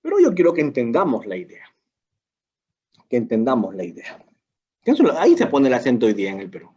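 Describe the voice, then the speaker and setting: Peruvian male law lecturer, husky, talks through rhetorical questions and casual asides; dull, lo-fi sound. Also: mid-range voice, huge pitch swings, racing, dark tone. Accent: Peruvian Spanish. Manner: asks and answers his own rhetorical questions; colloquial asides.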